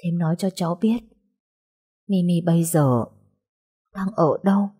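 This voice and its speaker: A woman's voice: fairly low pitch, measured pace, mellow, husky. A woman voicing a grief-stricken young mother in an audiobook, crying out and pleading. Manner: screaming, sobbing pleas. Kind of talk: audiobook dialogue.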